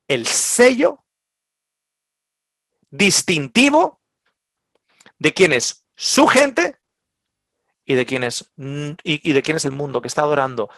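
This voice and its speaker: Male preacher, lively higher voice, dry close mic. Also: no echo. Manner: emphatic, slows down to stress words and drops to a near whisper. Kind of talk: sermon.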